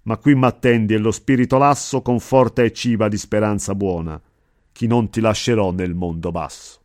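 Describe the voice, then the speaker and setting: A man voicing a wise old male poet guide, speaking in calm, measured verse. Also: on the low side, no echo, clean studio sound, lightly acted. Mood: reassuring. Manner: measured, solemn recitation of verse.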